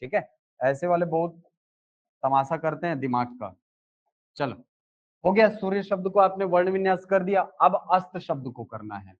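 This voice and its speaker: A man's voice: sits high, expressive, dull audio. A male teacher giving a live classroom lesson, explaining step by step and asking questions, then answering them himself. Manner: explains slowly, asks and answers his own questions.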